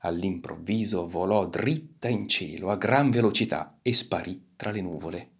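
A man reading a children's storybook aloud with animated, expressive delivery. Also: low voice, moderate pace, breathy edge. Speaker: narrator.

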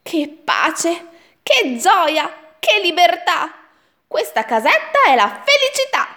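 A woman voicing a fussy, grumbling little old woman in a rhyming storybook, with an exaggerated shrill delivery. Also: very animated, slow pace, bright, forceful tone, exaggerated voice. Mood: delighted. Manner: shrill, exaggerated complaining in rhyme. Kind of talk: storybook reading.

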